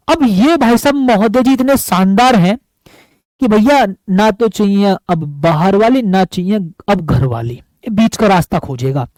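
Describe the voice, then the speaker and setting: In a rough recording with no room sound, a man with a high-pitched, darkish voice teaches physics at the board. He repeats himself warmly and keeps addressing his students as buddy.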